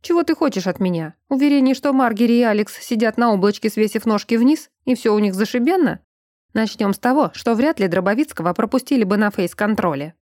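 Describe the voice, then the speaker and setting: A woman voicing a gruff, blunt shifter man. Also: fairly high pitch, expressive, fairly quick, darkish tone, no room sound, clean studio sound. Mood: irritated. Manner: curt, grumbling.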